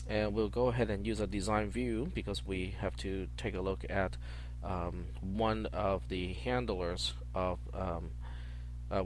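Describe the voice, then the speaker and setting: A man's voice: lowish voice, a little hiss or hum. A man giving an informal, methodical screencast tutorial as a programming instructor, explaining step by step into a headset mic.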